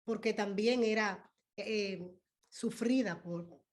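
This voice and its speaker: A woman's voice: medium pitch, slow pace. Woman interviewer, sympathetic, recaps the guest's story. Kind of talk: casual interview.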